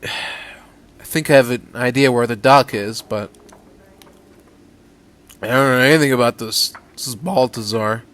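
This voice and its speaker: A man's voice: mid-range voice, measured pace, long pauses, a bit bright. A man giving easygoing, chatty let's-play commentary, swearing casually as he plays. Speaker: gaming YouTuber.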